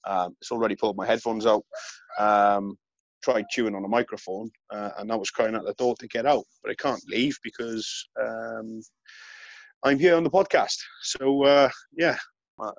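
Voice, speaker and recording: A man's voice: fairly low pitch, fairly even intonation, normal speed, no echo, dull audio. A man co-hosting a podcast from his home workshop, chatting casually, calling his co-host "mate" and often restarting his sentences. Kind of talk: casual chat.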